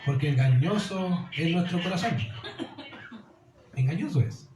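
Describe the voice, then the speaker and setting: Earnest pastor preaching in an echoey hall. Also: male voice, fairly high pitch, animated, unhurried, over music. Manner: earnest preaching, calls listeners "dear", asks rhetorical questions. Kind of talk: sermon. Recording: echoey hall with faint noise.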